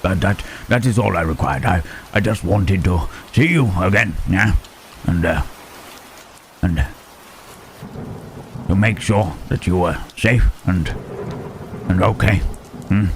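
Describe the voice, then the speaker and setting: A man voicing Frankenstein's monster as a lonely, gentle creature who stammers and speaks formally in an ASMR roleplay. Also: deep voice, takes it slowly, long pauses, slight background noise. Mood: tender, shy. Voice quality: hesitant, stammering, formal speech. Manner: soft questioning tags, huh, eh, hmm. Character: lonely, gentle male monster, shy and halting. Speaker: voice actor.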